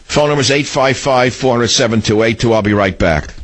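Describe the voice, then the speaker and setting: A man's voice: medium pitch, brisk, fairly bright tone. A man hosting a political talk radio show, ranting in combative, sneering bursts from a radio studio.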